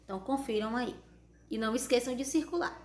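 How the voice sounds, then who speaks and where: A woman's voice: on the high side, fast, reverberant. A Brazilian woman teacher going over homework answers for children step by step, patiently checking in as she goes. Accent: Brazilian Portuguese.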